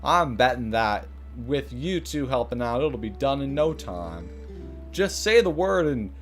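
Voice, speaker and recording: A man's voice: mid-range voice, very animated, a little slow, faint music behind. Man putting on a folksy cowboy rancher drawl. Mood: sorry, pleading. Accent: exaggerated imitation cowboy drawl. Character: folksy male cowboy rancher, apologetic and friendly. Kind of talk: hammy video game dialogue read-aloud.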